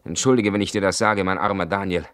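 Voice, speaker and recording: A man's voice: low voice, steady tone, quick pace, a bit bright. An actor in a radio play voicing a wounded, sarcastic husband who has been betrayed by his best friend. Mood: mocking.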